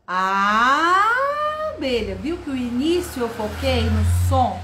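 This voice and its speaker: Woman educator, high and lively, slow deliberate teaching, echoey room with faint hiss. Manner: animated, stretches words, greets viewers by name. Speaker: educator hosting a live class. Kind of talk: live-stream teaching talk. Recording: roomy echo, faint background noise.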